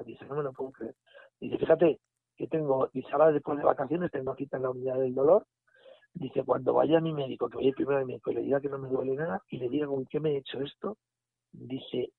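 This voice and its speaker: A man, telling a story in a casual, animated way and acting out the dialogue. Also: medium pitch, gravelly, breathy edge, no echo. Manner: animated retelling with quoted dialogue and restarts. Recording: phone line audio.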